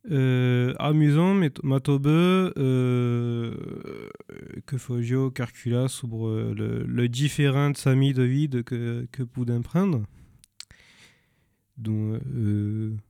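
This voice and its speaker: A man recommending films in a second language, halting and searching for words as he goes. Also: medium pitch, fairly even intonation, gravelly, mellow, smooth, no echo, studio quality. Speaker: film presenter. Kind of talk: informal spoken film recommendations.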